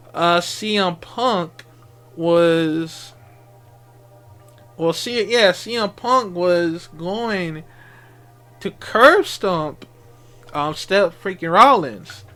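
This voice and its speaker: A man giving a casual off-the-cuff wrestling recap as a fan, halting and repetitive, with slangy exclamations. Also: high voice, a bit bright.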